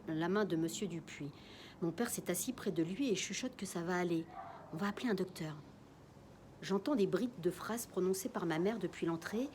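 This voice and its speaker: A woman reading a first-person story aloud in an expressive way. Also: a little hiss or hum. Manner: expressive reading with lively pitch.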